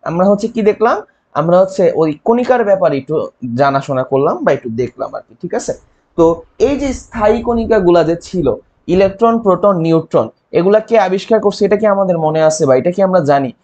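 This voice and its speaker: Young male tutor, high voice, Bangladeshi Bengali accent, quiz-style exam-prep delivery, constant check-ins. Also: darkish tone. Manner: quizzing with rhetorical questions and mnemonics; frequent "ঠিক আছে?" check-ins. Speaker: chemistry tutor. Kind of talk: online exam-prep lecture.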